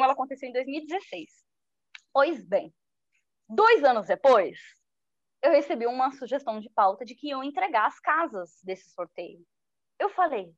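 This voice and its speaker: A woman journalist telling a personal story in an interview, lively and acting out the voices of people she quotes. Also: sits high, dry recording. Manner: lively, acts out quoted speech. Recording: dull lo-fi dry sound.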